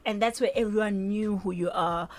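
A woman's voice: mid-range voice, steady tone, normal speed. A South African woman presenting casually live on radio as host, with a South African accent.

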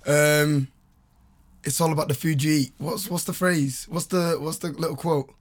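A man hosting a casual podcast in an excitable, laddish way, peppering his talk with "bro". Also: fairly high pitch, moderate pace. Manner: laddish, hyped, says "bro" constantly. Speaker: podcast host. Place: podcast studio. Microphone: studio podcast microphone.

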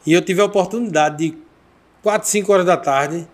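A man hosting a casual chat, reminiscing in a chatty, talkative way. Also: high-pitched. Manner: chatty, reminiscing, quick back-and-forth. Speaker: host.

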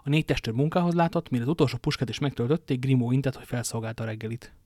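A man narrating an audiobook in an even, subdued reading voice. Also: medium pitch, no echo, studio quality. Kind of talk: scripted narration.

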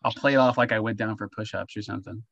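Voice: medium pitch, steady tone, rapid-fire, creaky, a bit bright, slightly rough, dry recording, highs cut off. A tabletop game player chatting casually and describing their character's actions.

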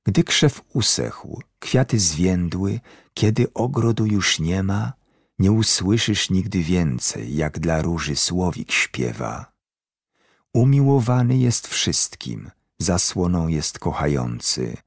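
A man with a very deep, gravelly and husky voice recites poetry slowly. His pitch rises and falls expressively, and the sound is dry and close. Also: dry recording. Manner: solemn, expressive.

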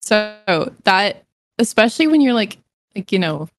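A woman's voice: medium pitch, big pitch swings, a little slow, dry recording, studio quality. A woman from New England, a guest in a casual interview, talking in a chatty, rambling way full of "like".

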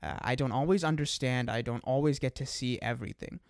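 A man's voice: mid-range voice, fairly quick, creaky, dry recording, studio quality. A young adult man hosting a casual podcast. He talks in an easygoing way, laughs at himself and uses lots of fillers. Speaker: podcast host. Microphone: desk microphone.

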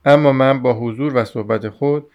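Man reading as a pompous middle-aged suitor, stiff, formal, halting, mid pitch. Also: highs cut off, close to an everyday voice.

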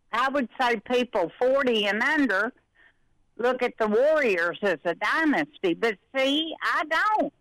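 A woman's voice: fairly high pitch, a bit bright, dry recording, rough recording. Folksy older woman caller, breathless. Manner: folksy, rambling.

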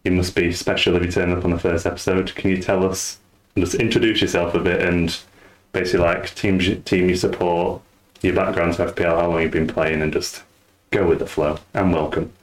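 Deep, flat-voiced man hosting a podcast. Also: brisk. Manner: relaxed, rambling. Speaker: podcast host. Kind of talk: casual podcast chat.

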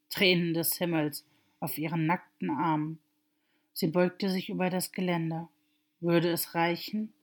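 A woman reading a story aloud as narrator, in a steady, measured way. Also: on the low side.

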